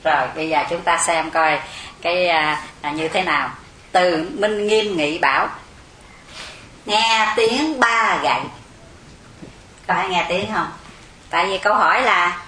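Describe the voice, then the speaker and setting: A woman's voice: mid-range voice, pushed and bright. A woman gives a Zen dharma talk, explaining patiently and asking the audience rhetorical questions. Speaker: Buddhist Zen teacher. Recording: echoey room, faint background hum.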